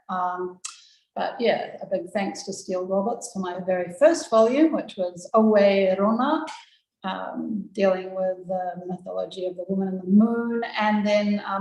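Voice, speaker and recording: A woman poet introducing herself on a panel, warm and reflective. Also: medium pitch. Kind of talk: panel introduction and poetry recital. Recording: roomy echo.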